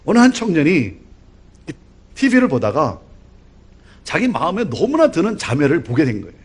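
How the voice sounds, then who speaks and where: A middle-aged male pastor preaching a sermon in an animated way, voice rising and falling in loudness, with a husky tone. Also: normal speed. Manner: animated preaching with lively swings of pitch and loudness.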